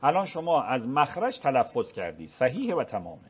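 A man, a religious expert, answering callers' questions on a call-in radio show. He talks emphatically and is quick to repeat firm denials. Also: mid-range voice, huge pitch swings, crowd noise. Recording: dull lo-fi radio broadcast.

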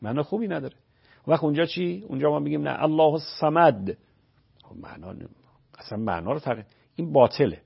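Over a dull, lo-fi radio feed, a man speaks in a fairly high, expressive voice that's husky with vocal fry. He's a religious scholar taking calls, patiently walking listeners through rulings via everyday examples.

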